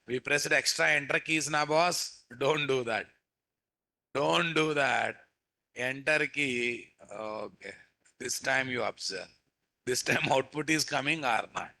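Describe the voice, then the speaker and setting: A programming instructor with a Telugu Indian accent teaches a live coding lesson, repeating phrases and prompting students with questions. His mid-range voice is gravelly, bright and forceful.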